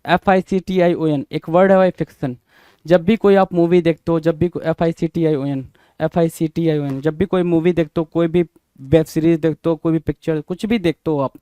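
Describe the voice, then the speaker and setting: A man's voice: on the high side, warm tone, smooth, no room sound. Man teaching vocabulary, spelling words aloud. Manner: repeats words, spells them out letter by letter, asks and answers himself; informal, addresses students as brother. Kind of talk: exam-prep lesson, call and response.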